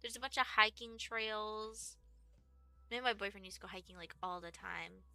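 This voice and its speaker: Bright, clear-voiced young woman streamer. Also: medium pitch, level tone, moderate pace, dry recording, faint music behind. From Texas, USA. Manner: rambling, chatty, many fillers like "like" and "um". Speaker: livestreamer. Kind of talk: casual stream chat.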